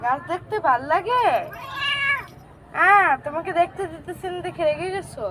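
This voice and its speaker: A woman talking baby talk to her pet cat at home, asking gentle sing-song questions. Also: very high-pitched, expressive, moderate pace, noisy background. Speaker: cat owner. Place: home with cats.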